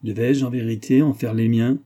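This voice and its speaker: A man's voice: medium pitch, fairly even intonation, moderate pace, warm tone, breathy edge, natural voice. A man reading the lines of a stern, embittered husband, icy and sarcastic. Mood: cold.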